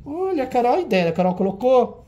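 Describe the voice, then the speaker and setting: A man's voice: extremely high pitch, big pitch swings, fairly quick, mellow, highs cut off. A man hosting a retro game auction, showing old cartridges in casual, teasing banter. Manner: chatty, teasing, jokey banter with a helper.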